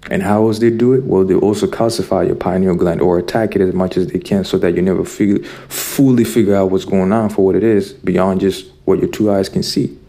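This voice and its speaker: Man, from Zimbabwe, very low voice, gravelly, earnest preachy spiritual monologue, talks to the audience. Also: steady tone, fairly quick, hardly any pauses, warm tone. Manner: earnest, preachy, addresses listeners directly. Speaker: spiritual vlogger.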